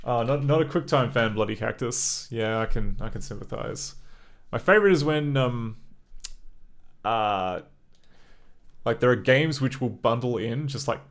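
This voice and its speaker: A man's voice: medium pitch, unhurried, pauses often. A man chatting casually and with amusement as he streams an old computer game. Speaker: streamer playing a retro game. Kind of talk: casual live-stream commentary.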